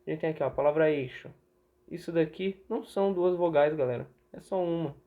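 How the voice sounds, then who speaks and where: A man's voice: on the high side, a little fast. A young Brazilian man giving a casual online lesson, chatty, asking and answering his own questions. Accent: Brazilian Portuguese. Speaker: teacher. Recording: tinny phone-like audio.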